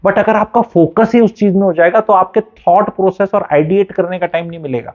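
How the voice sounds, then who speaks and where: Man, coach talking bluntly in a motivational talk, fairly high voice, thin phone-line sound. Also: fairly quick. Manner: blunt, mixing Hindi and English. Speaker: communication coach. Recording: phone-like narrow band.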